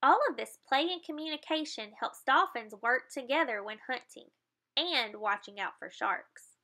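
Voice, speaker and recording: A woman reads a children's picture book aloud, explaining each page and throwing in playful sound effects. Her voice is bright and sits a little high. She keeps it plain and friendly for young listeners. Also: lively intonation, normal speed.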